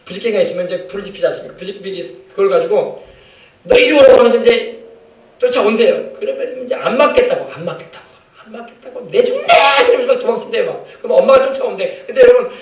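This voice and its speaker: A man's voice: high voice, lively intonation, very fast, darkish tone. A male pastor preaching a sermon, emphatic, calling for amens and acting out family quotes. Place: church sanctuary. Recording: echoey church sound from a distant mic.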